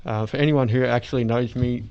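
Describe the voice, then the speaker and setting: A toothless Australian man hosts a podcast through a face mask, chatting casually and rambling as he explains things. His medium-pitched voice is clean-toned and fairly even, moving a little fast, with soft-edged speech. The recording sounds dull and lo-fi.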